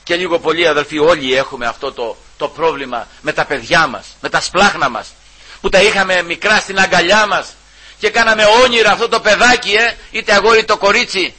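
A man preaching a sermon, repeatedly calling out to his brothers and swinging between loud emphasis and hushed asides. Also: high voice, slightly rough, poor audio.

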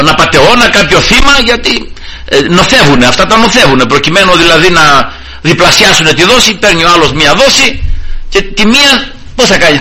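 A man preaching a sermon in an emphatic style, often rising in pitch and volume, from Greece. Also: pushed and bright, low-quality recording.

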